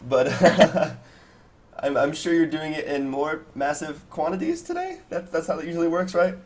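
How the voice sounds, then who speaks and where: A twenty-year-old cannabis streamer chats casually with viewers on a live stream from a small room at home, using a video call headset. He rambles, laughs, and restarts often, in an animated, somewhat high voice at a moderate pace.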